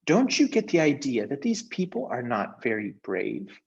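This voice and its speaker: A man's voice: medium pitch, wildly swooping pitch, moderate pace, vocal fry, darkish tone, highs cut off. A man voicing a brave, earnest young girl with a questioning, resolute manner, in a storybook reading.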